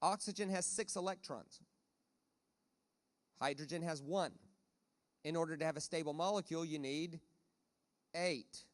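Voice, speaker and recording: A man preaching a conference sermon in a church auditorium, animated, acting out voices as he talks. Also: on the high side, unhurried, long pauses. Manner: animated, acts out voices of panicked people and God. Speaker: guest preacher.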